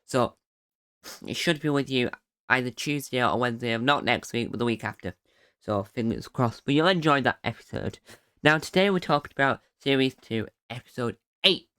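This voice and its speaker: Male solo podcast host, mid-pitched and smooth, rambling and chatty, prone to excited whoops. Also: normal speed. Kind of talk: casual solo podcast recap.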